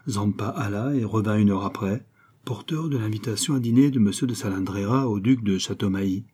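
A man narrating a classic novel as an audiobook, in a steady, measured storytelling manner. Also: on the low side, breathy edge. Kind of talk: scripted narration.

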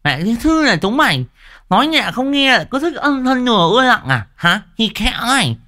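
A hulking bully of a neighbor woman who bellows and threatens, her words mangled by a thick lisp, as a woman acts her out for a ghost-story audio drama. The voice rides high and swings wildly up and down. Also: very animated, moderate pace, bright, forceful tone. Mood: furious. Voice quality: mispronouncing, lisping speech.

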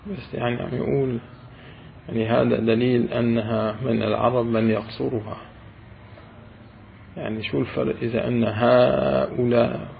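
A man teaching as a sheikh, who explains a classical text and often repeats phrases slowly. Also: mid-range voice, creaky, a little hiss or hum. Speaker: sheikh teaching Quranic exegesis. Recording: tinny, phone-like lesson recording.

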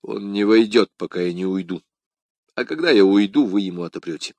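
A man's voice: on the low side, lively intonation, fairly quick, a little mellow, no echo. D'Artagnan, a man playing an ardent young swordsman. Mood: resolute. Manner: eager, exclamatory. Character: young ardent male swordsman, proud and lovestruck.

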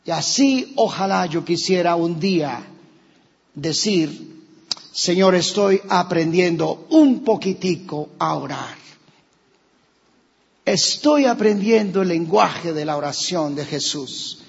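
Man, Colombian accent, pastor, animated sermon, husky, high-pitched. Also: takes it slowly, big-room sound, muffled recording. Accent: Colombian Spanish. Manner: animated preaching, acts out quoted voices, rises to shouts. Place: church.

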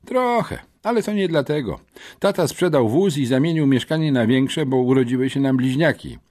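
A man's voice: mid-range voice, expressive, normal speed, a little mellow, voice pushed up, lightly acted. A man voicing a polite, earnest new schoolboy in an audiobook. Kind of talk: audiobook character voice.

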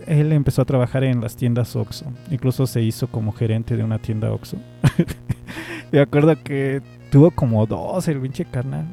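Gravelly-voiced Mexican man telling stories. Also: mid-range voice, warm tone. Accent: Mexican Spanish. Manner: rambling, slangy, laughs often. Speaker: amateur radio-style host. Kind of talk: casual personal storytelling.

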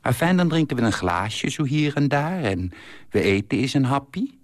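A man reading aloud in the voice of a chatty middle-aged woman, telling her story with lively, confiding storytelling. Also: medium pitch, normal speed, dry recording, clean studio sound, pitched above the performer's own voice, natural voice. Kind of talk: reading a literary column aloud.

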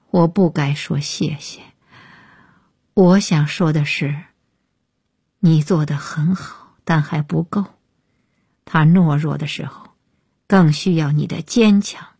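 A woman reading a frank, commanding middle-aged mother-in-law who speaks with quiet, coaxing warmth. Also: deep voice, takes it slowly, pauses often, breathy edge, dry recording, clean studio sound, exaggerated voice. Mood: gentle, earnest. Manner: direct, turning soft and coaxing. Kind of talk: audiobook reading.

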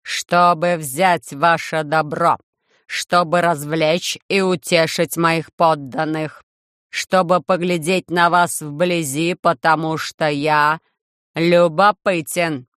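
Storybook robot overlord, loud, harsh and metallic, very slow, clear dry delivery, as a reader puts it on. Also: mid-range voice, level tone, no room sound. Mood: cold commanding. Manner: slow, loud, measured commands. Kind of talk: audiobook reading.

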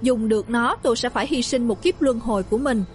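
A woman narrating a first-person ghost story in a steady, hushed storytelling manner. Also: fairly high pitch, fast talker. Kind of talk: scripted horror narration.

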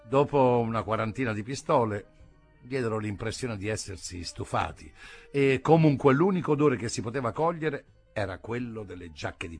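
A man reading a literary short story aloud in an expressive, dramatic manner. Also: fairly low pitch, creaky. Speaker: audiobook reader. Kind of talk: literary audiobook narration.

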